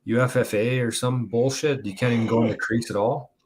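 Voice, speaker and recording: A man's voice: medium pitch, fairly even intonation, a little fast, slight background noise. A man co-hosting a live golf podcast, chatting casually with friends, rambling and swearing with lots of filler words. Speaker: podcast co-host. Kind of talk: casual chat.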